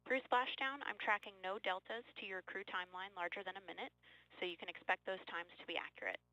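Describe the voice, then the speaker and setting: A woman's voice: medium pitch, fast, pushed and bright, dry recording, poor audio. A woman mission controller giving clipped, procedural radio calls to a spacecraft crew over a radio loop. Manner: crisp, clipped procedural callouts. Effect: radio loop transmission.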